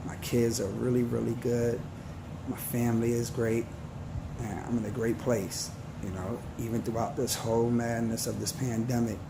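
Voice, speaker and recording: A man in his forties gives an earnest, slangy motivational talk, leaning on scripture and street talk as he goes. His voice is gravelly and sits at an ordinary pitch. The recording has a clear layer of background noise behind him. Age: 40s. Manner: earnest, preachy, slangy and slow. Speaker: vlogger.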